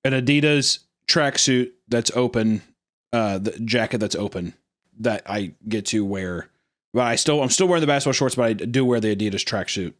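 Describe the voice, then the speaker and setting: A man co-hosting a podcast, chatting casually in an excitable, stammering, self-mocking way. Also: medium pitch, moderate pace. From United States. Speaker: podcast co-host. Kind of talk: casual chat.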